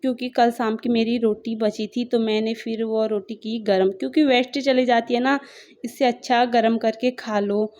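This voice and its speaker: A woman's voice: on the high side, fairly even intonation, moderate pace, a little mellow. A young woman with a Pahari-tinged Hindi accent, casually narrating her daily routine in a rambling, homely way. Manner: chatty, rambling, homely storytelling. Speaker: vlogger.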